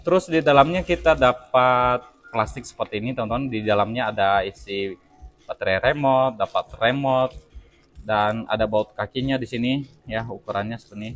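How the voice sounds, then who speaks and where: A man's voice: medium pitch, moderate pace, faint music behind. A man giving a casual unboxing review of a TV, talking chattily to his viewers while he handles the set. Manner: addresses viewers as teman-teman, chatty, explains while handling the product. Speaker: product reviewer.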